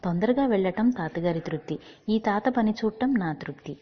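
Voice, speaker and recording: A woman voicing a wise young girl who reasons calmly through probing questions, in a dull recording with long reverb. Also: medium pitch, moderate pace, lightly acted.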